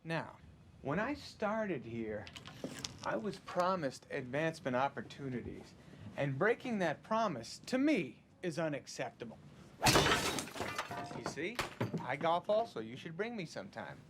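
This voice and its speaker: An actor playing a fed-up male office assistant who speaks calmly and deadpan. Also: on the high side, measured pace, very noisy. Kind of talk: film comedy acting.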